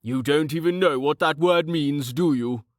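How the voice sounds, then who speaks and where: A man's voice: fairly high pitch, normal speed, no echo, pitched above the performer's own voice, lightly acted. Audiobook: male narrator plays a sardonic, exasperated companion, close dry read.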